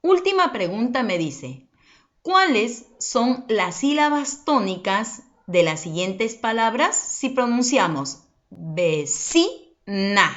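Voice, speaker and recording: A woman's voice: on the high side, sing-song, slow pace, dull audio. A woman teaching an online class for children, patiently explaining and asking check-in questions.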